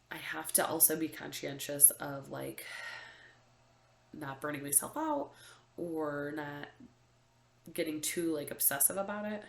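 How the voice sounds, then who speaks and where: A gravelly, deep-voiced young woman with a congested, stuffy sound chats to camera as a vlogger from indoors, where a window is open and the room echoes. She laughs often and keeps dropping "um" and "like" into her chatty talk.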